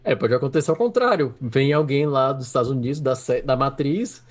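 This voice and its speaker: A man's voice: mid-range voice, lively intonation, a little fast. A man, co-hosting a podcast in casual chat, telling stories with a joking manner. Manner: jokey, storytelling, chuckling. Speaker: podcast co-host.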